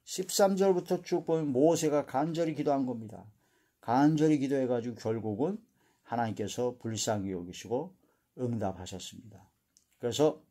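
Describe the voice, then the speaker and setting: A man giving a Bible exposition, reading verses aloud and explaining them, trailing off quietly at the end of sentences. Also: medium pitch. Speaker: Bible teacher.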